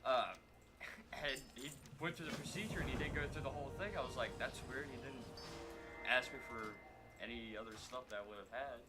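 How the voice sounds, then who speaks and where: A man's voice: medium pitch, a little fast, loud music behind the voice. A man chatting casually while streaming a game, rambling, swearing and laughing as he tells a story. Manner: rambling, profane, laughs mid-sentence.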